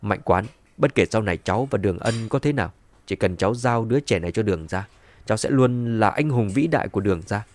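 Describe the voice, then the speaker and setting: A man's voice: fairly low pitch, expressive, fast talker, darkish tone, close to an everyday voice. A man voicing a sneering, scheming grandmother. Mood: scornful. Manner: scornful, mocking. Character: sharp-tongued scheming grandmother, sneering and quick to anger.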